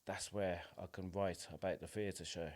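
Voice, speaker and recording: Speaking in a deep, darkish voice at normal speed with fairly even intonation, this forties-aged playwright and actor chats casually and reflectively as a podcast guest. He comes across as hesitant and informal.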